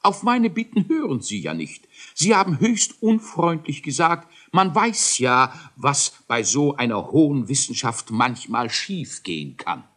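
A man's voice: medium pitch, big pitch swings, unhurried, hardly any pauses, fairly bright tone, pitched above the performer's own voice. A man voicing a nervous, fussy male dwarf scientist who whines and hesitates in a children's audiobook. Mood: pleading. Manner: whiny, fretful, hesitant. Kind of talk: audiobook character voice.

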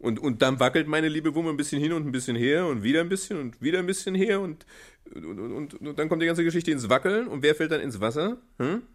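An actor playing a good-humored father in a children's radio play, patient and gently teasing, often chuckling as he explains things to his little girl. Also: on the high side, lively intonation, fast talker, natural voice. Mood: amused teasing.

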